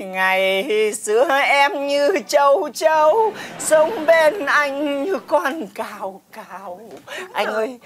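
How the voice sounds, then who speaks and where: A woman on stage playing a loud visitor who swings between fierce cursing and sentimental drama. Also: sits high. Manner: dramatic, exaggerated. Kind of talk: stage comedy acting.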